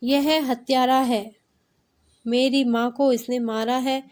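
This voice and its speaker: A woman's voice: high-pitched, fairly even intonation, slow pace, a little mellow. A woman reading the lines of a fierce, grieving young man in a storybook tale. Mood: furious.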